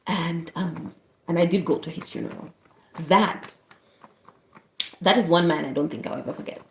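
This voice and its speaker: A woman's voice: fairly low pitch, normal speed, creaky, a little hiss or hum. A young woman in casual personal storytelling, heartfelt and rambling as she corrects herself, recalling an elderly patient she cared for. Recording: roomy echo.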